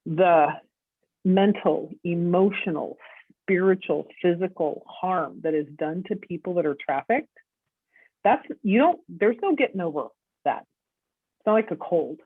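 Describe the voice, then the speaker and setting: A woman's voice: on the low side, lively intonation, a little slow, husky, no echo. A middle-aged woman, a podcast guest, telling her story and acting out the dialogue as she goes. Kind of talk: storytelling interview. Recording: tinny dry phone-line audio.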